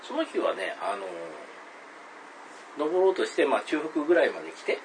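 A man telling a spooky story to a listener, hesitant with many fillers and pauses, acting out calls and voices loudly. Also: on the high side, huge pitch swings, slight background noise, poor audio.

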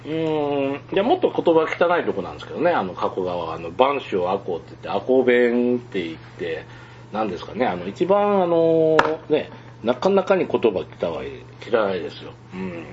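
A man's voice: mid-range voice, sing-song, moderate pace, creaky, highs cut off, noisy background. A man chatting casually on the radio, rambling with many fillers and frequent chuckles. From Hyogo, Japan.

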